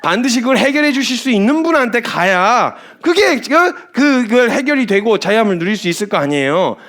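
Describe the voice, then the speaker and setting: A male missionary preacher delivers a sermon in an animated storytelling way. His voice sits high and swings widely in pitch. He sounds expressive and full of energy.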